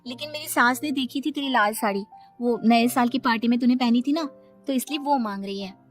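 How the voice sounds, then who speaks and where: A woman voices an innocent, honest young daughter-in-law who can't lie in a cartoon story, delivering her lines candidly and matter-of-factly. Her natural voice is fairly high-pitched and brisk, with soft music in the background.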